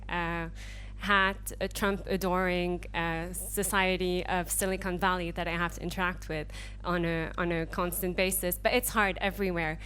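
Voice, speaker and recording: A woman's voice: lowish voice, fairly bright tone, a little hiss or hum. A woman panelist speaking wryly and candidly on a conference stage into a handheld mic. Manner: wry, candid. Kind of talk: panel discussion.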